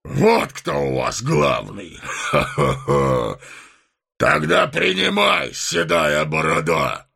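A man voicing a huge, mocking male envoy of a dark lord in an audiobook, taunting with a raised voice. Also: medium pitch, wildly swooping pitch, slow, gravelly, hardly any pauses, slightly rough, voice pushed up, heavily acted. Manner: mocking, taunting, bursts of laughter. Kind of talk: audiobook character voice.

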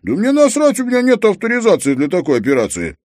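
A man voicing a grumpy, suspicious old school friend on the phone, sarcastic and raised in pitch. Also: wildly swooping pitch, fast, darkish tone, dry recording, clean studio sound.

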